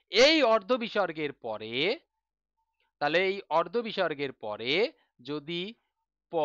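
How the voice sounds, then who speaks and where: High, clear-voiced male teacher. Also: a bit bright, no echo, muffled recording. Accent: Bengali. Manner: patient, asks questions then answers them himself. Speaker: Sanskrit teacher. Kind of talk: online lesson explaining on a board.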